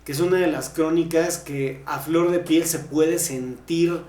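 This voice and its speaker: Fairly high-pitched yet darkish in tone, a Mexican man speaks a little slowly with fairly even intonation while co-hosting a podcast. It's a casual panel discussion where he explains at length and drops in some slang, recorded in a roomy, echoey space.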